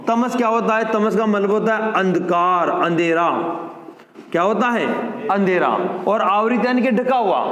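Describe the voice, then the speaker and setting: A man teaching a grammar lesson to exam students, repeating key words and quizzing his class. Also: high voice. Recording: echoey room with long reverb.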